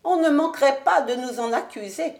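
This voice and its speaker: A woman doing a high ominous village crone. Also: brisk, gravelly, darkish tone.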